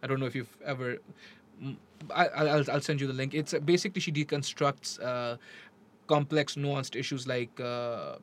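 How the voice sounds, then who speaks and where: A man's voice: medium pitch, fairly even intonation, moderate pace. A man with a Pakistani accent hosting a casual podcast, informal and emphatic, often repeating his phrases. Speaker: podcast host. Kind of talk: casual podcast chat mixing English and Urdu.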